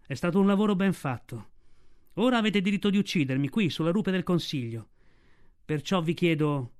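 A man voicing an old, weary male wolf leader, speaking slowly and solemnly in a storybook reading. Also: fairly high pitch, natural voice. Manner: slow, solemn and measured.

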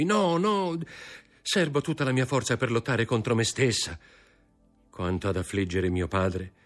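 A man's voice: mid-range voice, voice pushed up. A man voicing a distraught young woman in an audiobook reading, pleading and tearful. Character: anguished young woman, devoted and dutiful.

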